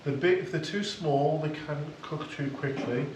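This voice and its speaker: A man's voice: fairly high pitch, moderate pace. A man casually giving a hands-on cooking demonstration, patiently encouraging and repeating his instructions. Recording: very echoey, distant mic, noisy surroundings.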